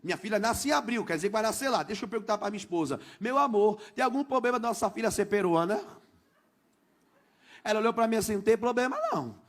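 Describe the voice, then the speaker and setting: A man in his thirties, a missionary pastor telling his story in a church sermon, acting out each exchange and building to shouts. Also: sits high, quick pace. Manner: animated storytelling, acts out dialogue, builds to shouts. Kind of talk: testimony sermon.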